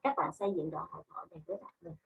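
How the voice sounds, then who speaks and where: A woman's voice: low voice, lively intonation, racing, creaky, narrow, tinny audio, slight background noise. A woman English teacher with a Vietnamese accent, giving a class, spelling words out letter by letter and explaining in Vietnamese. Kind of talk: online class lesson.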